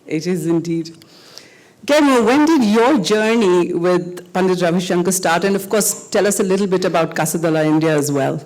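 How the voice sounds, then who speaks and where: A woman's voice: lowish voice, normal speed, darkish tone, poor audio. A woman moderating an on-stage panel, offering brief affirming interjections and putting questions to the guests.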